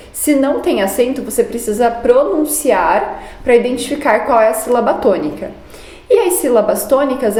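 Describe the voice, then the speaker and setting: A woman teaching young pupils, explaining step by step in a clear, patient way. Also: a little high, a little mellow, reverberant. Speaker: primary school teacher. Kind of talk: recorded review lesson for children.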